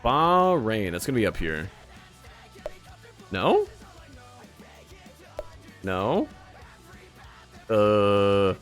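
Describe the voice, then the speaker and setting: A man's voice: lowish voice, huge pitch swings, drawn-out words, pauses often, fairly bright tone, faint music behind. A man in his late twenties, chatting casually and joking at his own expense while playing a game on stream. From United States. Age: late 20s. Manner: rambling, self-mocking joking. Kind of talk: casual chat while gaming.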